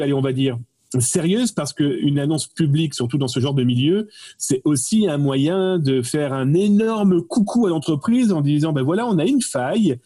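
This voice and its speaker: A man talks through a story in loose, chatty fashion, doubling back and filling pauses as he goes. His voice sits a little high, with a husky, mellow tone. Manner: digressive, many fillers and restarts. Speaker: guest expert. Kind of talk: casual explanatory chat.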